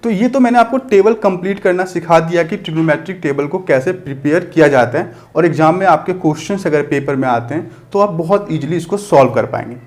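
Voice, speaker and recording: Guy teaching math, patient step by step, lots of rhetorical questions, a bit high voice. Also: quick pace, few pauses, darkish tone. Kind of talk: classroom lesson.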